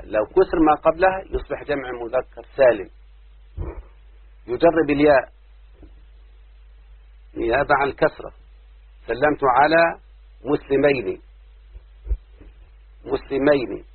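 A man's voice: medium pitch, moderate pace, pauses often, breathy edge, no room sound. A man teaching a grammar lesson, explaining step by step and repeating key rules and examples. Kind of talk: classroom lecture. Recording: dry, phone-like narrow sound.

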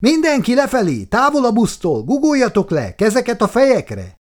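A man reading an audiobook voices an alarmed middle-aged bus driver who shouts urgent commands at children. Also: extremely high pitch, wildly swooping pitch, pitched above the performer's own voice, full character voice. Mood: urgent shouting.

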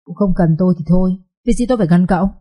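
A proud, sharp-tongued young wife speaks in a storybook tale, voiced by a woman narrator. She sounds polite on the surface with bitterness underneath, in a mellow, slightly husky voice. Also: fairly low pitch, very fast, lightly acted. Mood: resentful insistent. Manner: polite but resentful.

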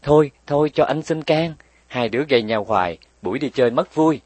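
A man's voice: mid-range voice, animated, brisk, a little mellow, no echo, voice pushed up, close to an everyday voice. Man voicing a peacemaking big brother. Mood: soothing. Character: peacemaking older boy, gentle big brother.

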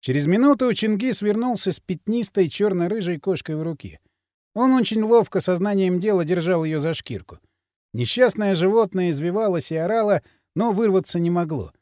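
A man narrating an audiobook in an expressive, dramatic reading. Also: high-pitched, normal speed, no room sound, clean studio sound. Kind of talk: scripted narration.

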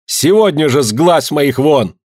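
A man's voice: mid-range voice, normal speed, a little mellow, no room sound, studio quality, natural voice. A man reading a story, voicing an elderly village mother who scolds her daughter in breathless outbursts. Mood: shrill angry. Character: scolding elderly peasant mother, quick-tempered.

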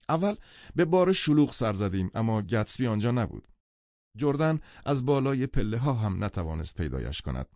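A man reading a novel aloud as an audiobook narrator, in a lively, expressive scripted narration. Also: mid-range voice, no room sound. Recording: dull lo-fi dry recording.

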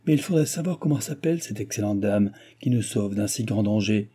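A man's voice: fairly low pitch, expressive, a little fast, dark tone, husky. A man reading a sly, mocking old court duke. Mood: wry. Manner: teasing, ironic.

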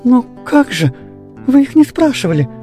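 A woman's voice: on the high side, expressive, a little fast, dark tone, faint music behind, voice pushed up, natural voice. A woman doing a dry, fussy class mistress. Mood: surprised.

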